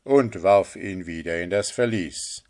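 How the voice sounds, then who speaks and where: Low voiced guy reading a fairy tale real slow, calm and measured. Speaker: storyteller. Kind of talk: scripted fairy-tale narration.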